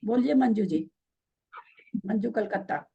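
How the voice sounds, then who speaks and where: A woman leads an online scripture class, putting questions to her students and explaining patiently. Her voice is mellow and a little husky, with a gravelly edge. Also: medium pitch, lively intonation, a little slow, dull audio. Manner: questioning, explaining patiently, repeats key terms. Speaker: Jain scripture teacher.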